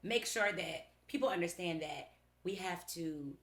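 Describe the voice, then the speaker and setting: A woman's voice: fairly low pitch, a little slow, a bit bright. A young adult woman co-hosting a casual podcast chat, talking emphatically and laughing often. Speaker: podcast co-host. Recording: roomy echo.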